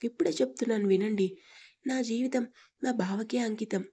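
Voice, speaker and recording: A woman voicing a pampered, frightened young wife in a storybook reading, pleading through sobbing complaints, with a husky tone. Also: fairly high pitch, fairly quick, warm tone. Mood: defiant.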